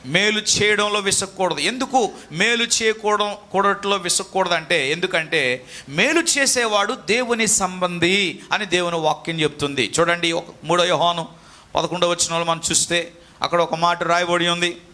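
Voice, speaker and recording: A man's voice: sits high, normal speed, sharp tone. A man preaching a sermon as pastor, calling on the congregation to answer and scolding them in asides.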